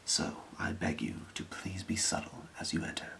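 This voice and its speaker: A man acts out a scheming thieves' guild boss in a whispered role-play. His voice is very low and heavily creaky, hushed to a breathy whisper. He speaks in a measured, deliberate, secretive way, close to the microphone. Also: big pitch swings, full character voice. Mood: hushed, calculating.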